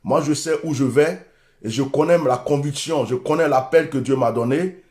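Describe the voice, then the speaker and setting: Urgent Ivorian preacher in an echoey room. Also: male voice, mid-range voice, normal speed, darkish tone. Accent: Ivorian French. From Côte d'Ivoire. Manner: urgent, repetitive, exhorting. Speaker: preacher hosting a live stream. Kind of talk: impassioned livestream address.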